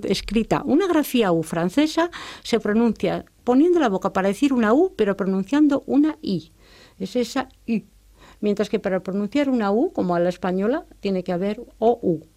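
A woman teaching French, explaining sounds and grammar with a clear, careful delivery and French examples. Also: on the low side, warm tone.

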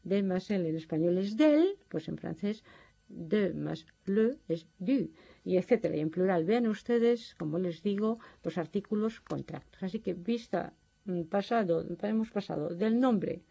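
Lady teacher explaining french grammar, slow and patient, gravelly mellow voice. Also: mid-range voice, animated. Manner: didactic, patient, addresses students formally. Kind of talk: lecture to distance learners.

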